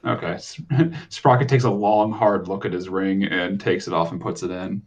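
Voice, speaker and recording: A man's voice: sits low, fairly even intonation, normal speed. A man chatting casually and jokingly as a player in a tabletop role-playing game.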